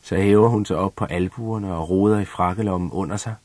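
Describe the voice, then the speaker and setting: A man's voice: sits low, steady tone, darkish tone, dry recording. A man narrating a first-person novel in an intimate, confessional storytelling manner. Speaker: audiobook narrator.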